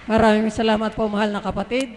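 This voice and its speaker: A man preaching to a congregation, urging the listeners again and again in a loud voice. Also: sits high, level tone, quick pace, slight background noise. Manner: loud, urging, repeated exhortations. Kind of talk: exhortation to a congregation. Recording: live stream from a distance in a reverberant hall.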